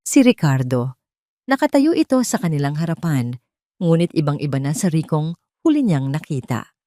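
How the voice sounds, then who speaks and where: A woman with a Filipino accent narrates a scripted dramatic story. Her voice sits low and is a little mellow, captured in a dry, clean studio recording.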